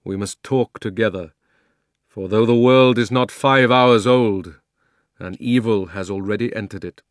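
A man's voice: lowish voice, dry recording, studio quality, natural voice. Aslan, a man voicing a strong noble lion. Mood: commanding. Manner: solemn, commanding, slow. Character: great noble male lion, strong and happy. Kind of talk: audiobook character voice.

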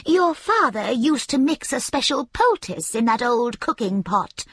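A woman voicing a humble old peasant woman who pleads slowly and in a raised voice. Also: fairly high pitch, sing-song, a bit bright, slightly rough, no room sound, studio quality, voice pushed up, full character voice. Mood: pleading.

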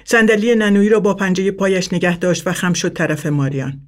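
A man reading a story aloud in a calm, even narration. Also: high voice.

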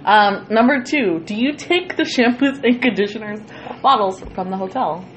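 A woman's voice: mid-range voice, normal speed, slight background noise. A foul-mouthed, teasing woman co-hosting a casual podcast, picked up from a distance on an open mic. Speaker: podcast co-host.

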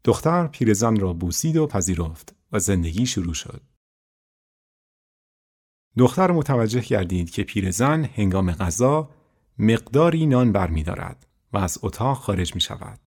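A man with a low, husky voice reads a folk tale for a podcast. His delivery is calm and measured, a storyteller's pace. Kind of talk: scripted storybook narration.

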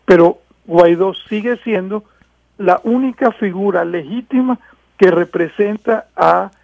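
Man, from Venezuela, phone guest, high voice, tinny phone sound, emphatic. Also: unhurried, vocal fry, a little mellow, no room sound. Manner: firm, emphatic. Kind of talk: political commentary. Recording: tinny dry phone line.

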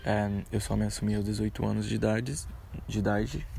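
A man's voice: lowish voice, little pitch movement, fairly quick, vocal fry, warm tone, slight background noise. A young man, speaking hesitantly as a podcast guest. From Aracati, Brazil. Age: young adult.

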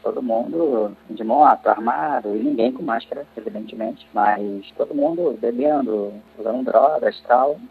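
Guy w/ fuzzy distorted disguised voice, raspy and tinny like a phone line. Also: medium pitch, normal speed. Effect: voice distortion to hide identity. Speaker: anonymous local resident. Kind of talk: phone-style testimony in a news report.

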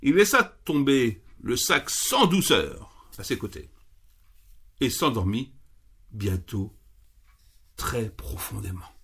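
A man reading a children's story aloud with expressive, unhurried storytelling. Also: mid-range voice, slightly rough.

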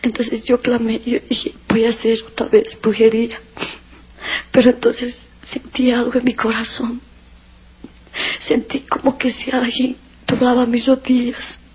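A woman's voice: on the high side, flat delivery, unhurried, breathy edge. A woman giving a personal religious testimony, earnest and emotional, sometimes near tears, on a dull lo-fi recording.

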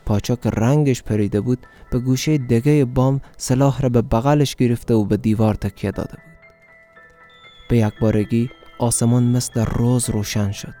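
A man with an Afghan Dari accent reading a story aloud for radio, with a steady, measured delivery. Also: medium pitch. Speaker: narrator.

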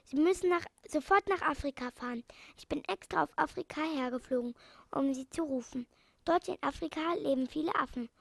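An urgent little swallow from a children's story, begging for help in a pleading voice, as a woman reads her part. High and slightly gravelly, recorded close and dry. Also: fairly quick, no echo.

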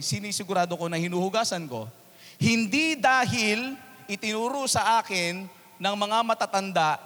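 A high-voiced man preaches a sermon as pastor, moving between loud, emphatic passages and soft, quiet asides. His voice rings out with a long reverb in a church hall.

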